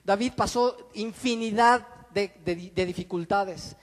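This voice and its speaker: A middle-aged man preaching a sermon, swinging between loud and soft and calling his listeners brother. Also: high voice, unhurried, long reverb tail. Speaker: pastor. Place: church.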